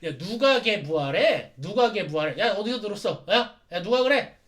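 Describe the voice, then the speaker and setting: A man voicing an arrogant, hot-tempered male demon knight lord who shouts indignantly. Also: sits high, lively intonation, moderate pace. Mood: angry.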